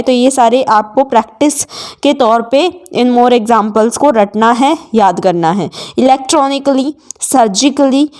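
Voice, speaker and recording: A woman giving a spoken vocabulary lesson, slowly spelling out words letter by letter and repeating each one twice. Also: on the high side, a little mellow. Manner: slow, careful, repeats each word twice. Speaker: English teacher.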